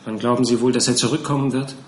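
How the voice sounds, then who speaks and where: A poor, desperate client, as a male reader plays him, pleading in a soft, sighing voice. It is a plain, middle-pitched voice heard in a roomy, echoing space. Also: fairly even intonation, quick pace, close to an everyday voice. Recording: roomy echo.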